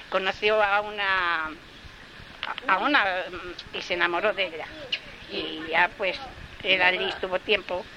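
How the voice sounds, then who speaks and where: An older woman telling a folktale in a rambling, repetitive way with many fillers, on a noisy field recording. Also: medium pitch. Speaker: folk storyteller.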